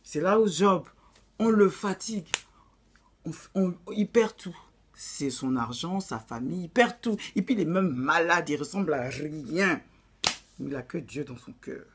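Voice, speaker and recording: A woman's voice: low voice, expressive, measured pace, noisy background. A woman with an African accent giving blunt, preachy relationship advice in a casual vlog, dropping in English phrases.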